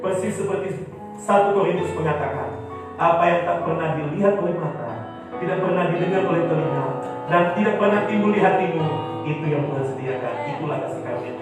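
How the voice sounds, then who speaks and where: Impassioned pastor preaching in an echoey hall. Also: male voice, fast. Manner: animated preaching, swings from loud cries to low murmurs. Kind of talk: sermon. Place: church hall. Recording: echoey hall, distant mic, with music.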